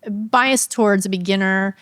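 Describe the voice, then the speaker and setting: A measured woman going point by point through a list on a homebrewing podcast. Her voice sits at an ordinary pitch and is recorded dry and close, with no room echo. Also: fairly even intonation, a bit bright, smooth. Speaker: podcast co-host. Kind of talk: casual podcast chat.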